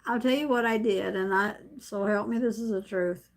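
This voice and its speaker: A woman's voice: mid-range voice, steady tone, normal speed. A middle-aged woman telling a story on her own live stream at home, rambling and chatty, laughing often and restarting her sentences. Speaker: vlogger hosting a live stream. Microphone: camera set up in front of her.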